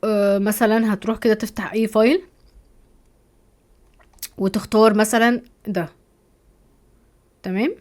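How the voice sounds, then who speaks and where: An Egyptian woman teaching a software course over a screen recording, chatty, often checking in with her viewers. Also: mid-range voice, moderate pace, pauses often. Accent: Egyptian Arabic. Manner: chatty, keeps asking "تمام؟", thinks aloud while clicking.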